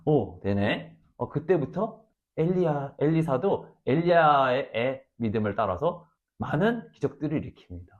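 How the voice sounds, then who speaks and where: A man preaching a revival sermon, telling stories in an animated way that swings between loud exclamations and low asides. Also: normal speed, few pauses, phone-quality sound.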